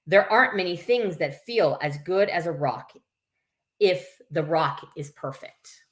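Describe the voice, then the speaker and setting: At a measured pace, a woman with a lowish, expressive voice reads a picture book during story time, breaking off for casual, chatty remarks to her audience. She's a camp staff member running the session.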